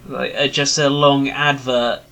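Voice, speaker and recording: A man's voice: mid-range voice, flat delivery, unhurried, gravelly, sharp tone, soft background music, rough recording. Rambling man on a podcast. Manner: rambling, many ums and restarts. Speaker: podcast co-host. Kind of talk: casual chat.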